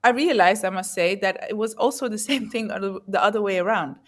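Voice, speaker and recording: As a guest entrepreneur in an interview, a woman who grew up in the Netherlands speaks briskly in a mid-range voice. She comes across as earnest and thoughtful, often pausing to find her words.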